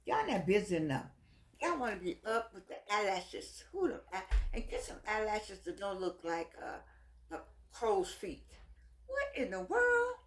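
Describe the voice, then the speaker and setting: A middle-aged, toothless woman vlogger speaks in an echoey room with a mid-range voice at normal speed, her articulation slightly soft. Animated, sassy and folksy, she rambles casual advice to viewers and repeats phrases for emphasis.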